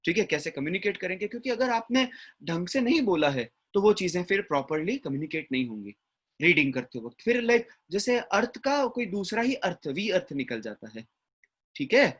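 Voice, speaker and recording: This male English teacher speaks at normal speed in a high, sing-song voice that's a bit bright with a breathy edge. During his classroom lecture he weaves in English words and keeps asking "ठीक है ना?" to check in.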